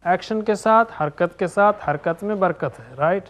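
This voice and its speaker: Chanting verb conjugations to a steady beat, a high-voiced man teaches Quranic Arabic to his class. The lesson is animated, and he keeps pushing his students along.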